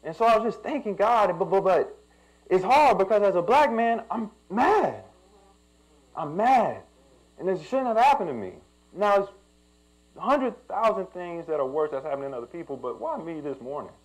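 Young guy preaching, tells his story then gets loud and emphatic, lively pitch. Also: moderate pace, poor audio. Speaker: pastor. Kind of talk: sermon with personal story.

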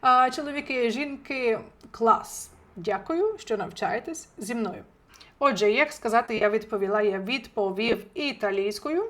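A woman teaching an online language lesson from home, chatty and lively, talking straight to her viewers, a little under the weather. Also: on the high side, unhurried. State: recovering from illness, clears throat. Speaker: Italian teacher. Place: home, indoors.

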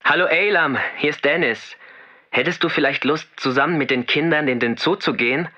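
A man's voice: fairly high pitch, fairly quick, lo-fi sound, background noise. A man leaving a friendly, casual message on an answering machine in a scripted listening recording. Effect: message left on an answering machine.

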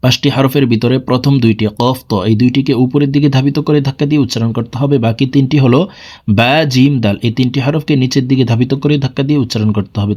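A man teaching Quran reading, slowly spelling out letters and repeating syllable drills. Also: mid-range voice, darkish tone. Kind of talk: step-by-step recitation lesson.

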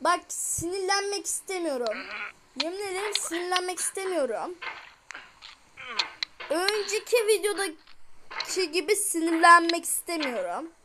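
High-pitched frustrated girl gamer, noisy recording. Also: lively intonation, unhurried, pauses often. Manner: frustrated, exclaiming at the game. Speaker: gameplay streamer. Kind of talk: let's play commentary.

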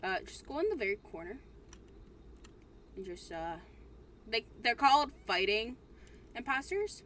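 A woman's voice: very animated, unhurried, a bit bright, slight background noise. A young woman chatting casually while playing a video game, playful and talkative. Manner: chatty, playful, breaks into random squeaky voices. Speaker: gaming channel host. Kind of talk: casual gameplay chat.

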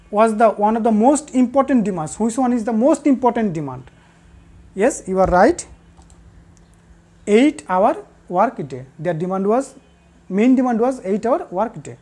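A woman teaching a class, repeating the key answers and pausing with fillers. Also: a little high, warm tone. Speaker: English teacher. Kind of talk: recorded classroom lesson.

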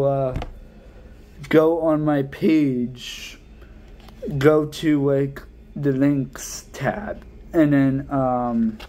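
A young man chatting casually and ramblingly as an ASMR video creator, in a halting way that trails off. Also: on the high side, warm tone, a little hiss or hum. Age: young adult. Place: living room at home.

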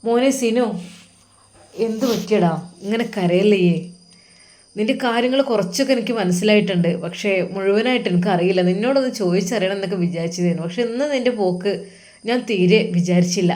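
A woman voicing a kindly, affectionate middle-aged brother-in-law who asks soft, coaxing questions. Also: mid-range voice, fairly quick, slight background noise, natural voice. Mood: fond, worried. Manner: soft, coaxing questions, calls him dear son.

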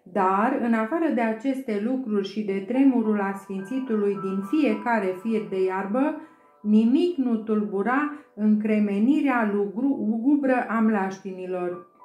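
A woman narrating an audiobook in a steady storytelling manner. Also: mid-range voice. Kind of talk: scripted narration. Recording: roomy echo, faint music.

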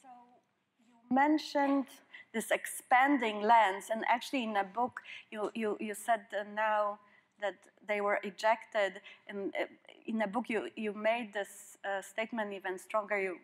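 A woman's voice: medium pitch, steady tone, a little slow. A woman moderating an onstage conversation, asking long questions with many hesitations. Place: stage of an auditorium.

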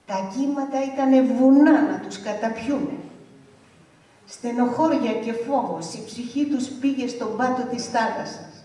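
A woman's voice: a little high, dark tone. An older woman, telling a vivid family story at a community event and acting out the words of the people in it. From Greece, Ikaria. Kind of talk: oral history storytelling. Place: village cultural association hall. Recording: echoey hall heard from far off.

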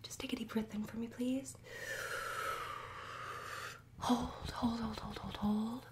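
A woman in her twenties doing fast ASMR in a breathy soft voice, an ASMR role-play with rapid repeated trigger words and soft instructions, close to the mic. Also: fairly high pitch, fairly even intonation, background noise. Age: 20s. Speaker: ASMR creator. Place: small bedroom, indoors.

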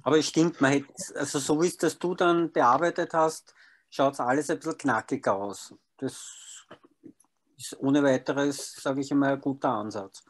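A man's voice: mid-range voice, moderate pace. Austrian photographer explaining his shot. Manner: rambling with restarts. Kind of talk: casual discussion.

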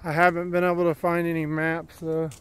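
A man's voice: on the high side, completely flat delivery, brisk, smooth. Chatty man hiking a trail. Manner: chatty, plainspoken, rambling. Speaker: vlogger. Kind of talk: casual walking commentary. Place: wooded dirt trail outdoors. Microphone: handheld phone camera while walking.

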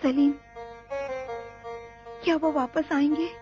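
A woman's voice: sits high, fairly even intonation, slow pace, lo-fi sound, over music. A woman voicing a reproachful young woman in a dubbed TV drama, talking in a pleading way. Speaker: dubbing actor.

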